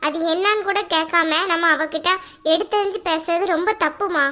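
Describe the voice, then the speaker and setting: A woman voicing an older mother-in-law in an animated family drama, speaking firmly and soothingly. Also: very high voice, moderate pace. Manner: firm, soothing.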